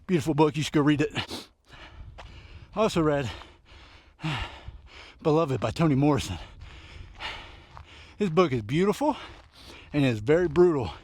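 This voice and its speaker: A man's voice: on the high side, animated, unhurried, pauses often, a little mellow, no echo. A man, out of breath, talking casually in short phrases about books while running outdoors. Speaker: book reviewer vlogger. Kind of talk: casual book recap vlog recorded on a run. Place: outdoors at night.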